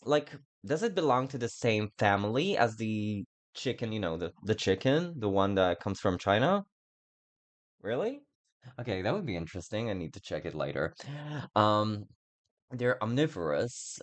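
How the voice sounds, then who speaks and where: A man with a fairly low voice streams a video game, giving casual, rambling commentary sprinkled with playful, self-mockingly silly asides.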